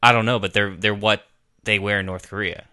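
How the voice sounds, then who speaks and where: Man, low voice with a bright edge, easygoing co-host who agrees a lot, dry sound. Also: steady tone, clean tone, dry recording. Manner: agreeable, quick backchannels, trails off. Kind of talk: casual chat.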